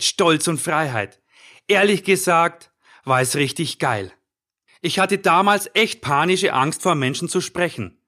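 A man's voice: fairly high pitch, bright, forceful tone. A middle-aged man, a life coach and podcast host, giving a scripted motivational talk in an earnest, encouraging way, speaking directly to the listener.

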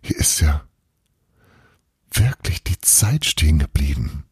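A man's voice: a bass voice, sing-song, slow pace, slightly rough, no room sound, clean studio sound, heavily acted. A man playing an exasperated grumbling father. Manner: grumbling, sighing. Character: exasperated grown-up son, a practical father.

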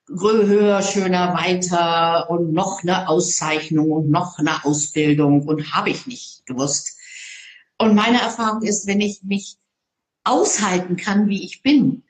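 A woman who speaks on stage, telling stories in an interview in a lively, expressive way. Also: mid-range voice, reverberant. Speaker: public speaker. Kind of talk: interview conversation.

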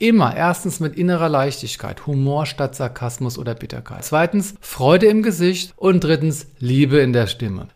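A middle-aged man giving a lecture on handling workplace conflict, working through numbered points and acting out example lines with lively energy. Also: fairly high pitch, creaky. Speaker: communication trainer.

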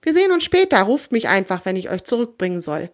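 A woman's voice: mid-range voice, sing-song, fast, lightly acted. A woman voicing a friendly, cheerful giant female albatross in a children's storybook reading. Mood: sleepy.

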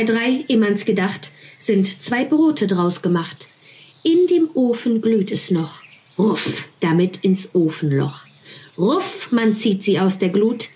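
Woman reading kids' rhyming verse, slow and sing-songy, plays up the sound words. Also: mid-range voice, a little mellow, a little hiss or hum. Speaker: storyteller. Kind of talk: reading rhymed children's verse aloud.

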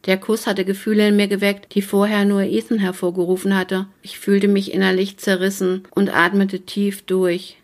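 A woman narrating a romance novel in the first person, in a steady, even storytelling manner. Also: mid-range voice, normal speed, few pauses. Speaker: audiobook narrator.

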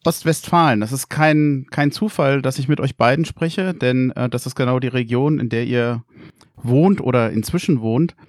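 A man's voice: medium pitch, moderate pace, dry recording, studio quality. A man hosting a podcast, chatting and asking his guests questions. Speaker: podcast host. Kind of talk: casual interview.

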